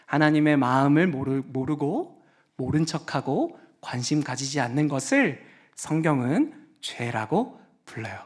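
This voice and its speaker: Youth preacher, man, fairly high voice, animated and interactive children's sermon delivery. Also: measured pace. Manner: lively, questioning, playful with the audience.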